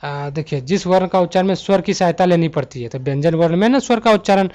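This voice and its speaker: A male grammar tutor with a high voice explains exam questions option by option. He slows down to list letters one at a time. The recording is muffled and lo-fi, made at a home computer mic. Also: a little mellow. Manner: talks students through multiple-choice answers. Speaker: Hindi grammar teacher. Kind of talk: online exam-prep lesson.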